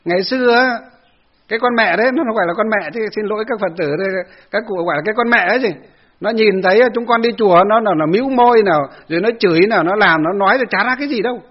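A man's voice: high voice, rapid-fire, breathy edge, muffled recording, pitched above the performer's own voice. A man voicing an aggrieved elderly female temple devotee who complains in a raised voice. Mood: grumbling.

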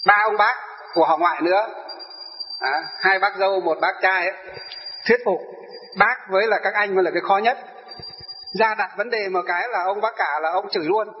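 Male storyteller, high-pitched and emphatic, echoing phrases for an audience; long reverb, dull lo-fi. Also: fairly quick, pauses often, a little hiss or hum. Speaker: spiritual master telling his life story. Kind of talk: personal testimony to an audience.

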